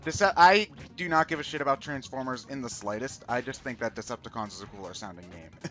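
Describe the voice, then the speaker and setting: A man hosting a gaming stream with casual commentary, talking in a rambling, halting way and often correcting himself. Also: mid-range voice, bright, forceful tone. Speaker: host of a charity gaming stream. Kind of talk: casual video game commentary. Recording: game music behind the voice. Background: video game music.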